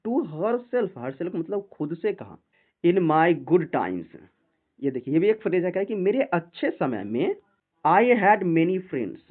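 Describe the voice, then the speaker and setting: A male English teacher works through a story line by line, reading the English slowly before explaining each word in Hindi. His voice sits a little high and swings a lot in pitch. The sound is narrow and tinny, like a phone line.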